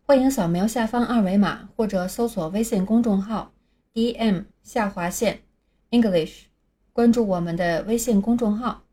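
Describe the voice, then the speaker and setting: A woman's voice: medium pitch, dark tone. Patient woman teaching English basics. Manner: patient, slow, spells words letter by letter. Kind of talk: scripted lesson for beginners.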